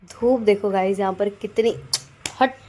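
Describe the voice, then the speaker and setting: A woman's voice: medium pitch, unhurried, slight background noise. A young woman in college, chatting and teasing as she vlogs her family day at home on a phone camera. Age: young adult. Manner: chatty, teasing, animated storytelling. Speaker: vlogger. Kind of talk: casual family vlog.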